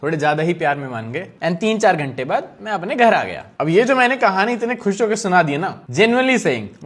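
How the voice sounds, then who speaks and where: A young man telling a story to camera in a breezy, joking way. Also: on the high side. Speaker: vlogger. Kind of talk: casual story time.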